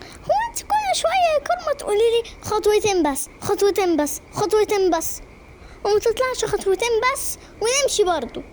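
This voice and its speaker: A woman voicing a whiny, timid young brother in an animated story, complaining and scared. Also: extremely high pitch, a little fast, background noise.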